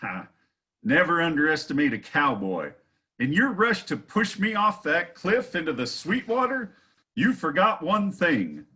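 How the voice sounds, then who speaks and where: An actor playing a bold, boastful cowboy hero, declaiming in a stage melodrama. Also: male voice, fairly high pitch, very animated, measured pace, bright, forceful tone, slightly rough, exaggerated voice. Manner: heroic, declamatory. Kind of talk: hammy stage melodrama acting.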